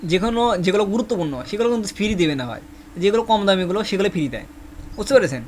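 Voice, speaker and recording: A man's voice: sits high, lively intonation, rapid-fire, darkish tone, a little hiss or hum. A man from Bangladesh, teaching a Korean vocabulary class and repeating each word over and over while quizzing his students. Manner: repeats each word many times, asks the class questions. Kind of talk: classroom lesson with memory tricks.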